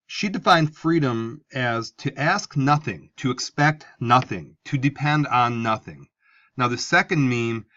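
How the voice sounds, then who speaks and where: A male teacher with a mid-range, slightly bright voice gives his class a conversational lecture, explaining ideas step by step and asking them to keep an open mind. The audio is dull.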